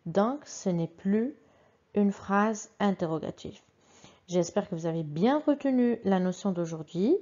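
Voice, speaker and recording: A woman teaching a simple grammar lesson, patiently reading each example sentence twice with clearly marked question intonation. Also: medium pitch, expressive, a little slow, dark tone, lo-fi sound. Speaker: French teacher.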